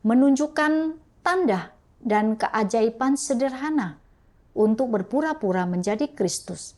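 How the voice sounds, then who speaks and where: A woman preaching a sermon in a slow, deliberate way. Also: on the high side, darkish tone.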